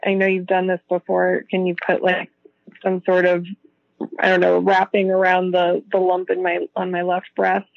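A woman's voice: lowish voice, completely flat delivery, moderate pace, gravelly, no echo. A woman caller on a call-in radio show, heard over the phone, talking hesitantly in short agreeing replies. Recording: muffled phone-line call.

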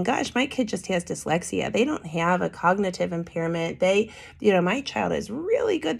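A woman hosting a podcast in a casual, enthusiastic, emphatic way, with a hoarse voice that is giving out. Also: fairly low pitch. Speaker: podcast host. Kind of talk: casual solo podcast talk.

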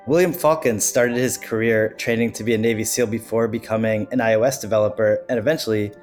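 Low-voiced podcast host, upbeat. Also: male voice, fairly even intonation, fast talker, a little mellow, soft background music. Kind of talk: podcast hosting and interviewing.

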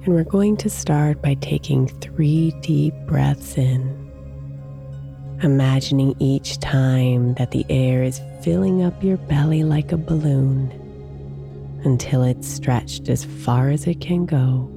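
A woman leading a guided meditation in a soft, soothing, gently drawn-out manner, as its host. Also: extremely low pitch, vocal fry. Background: new-age music with singing bowls.

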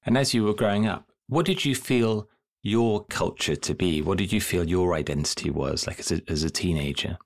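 A man hosting a podcast interview, speaking in a measured, polished way. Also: sits low. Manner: measured, polished delivery with lively intonation. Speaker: podcast host and coach.

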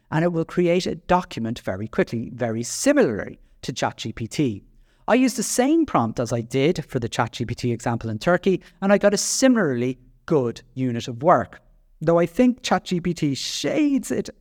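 A podcast host from Ireland, speaking with an Irish accent, runs a solo show in a chatty, self-deprecating way full of fillers and restarts. His fairly high, slightly mellow voice is recorded at studio quality with no room sound.

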